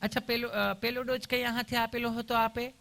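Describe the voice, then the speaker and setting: A man voicing a sweetly polite female vaccination nurse who asks soft, overly gentle questions. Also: very high-pitched, little pitch movement, a little fast, vocal fry, pitched above the performer's own voice, full character voice.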